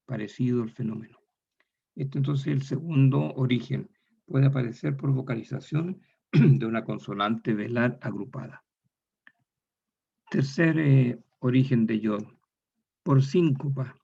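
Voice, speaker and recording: A university lecturer with a medium-pitched, mellow, slightly rough voice and some vocal fry gives a methodical lecture. He repeats each example word aloud. The recorded lecture has a dull, lo-fi sound.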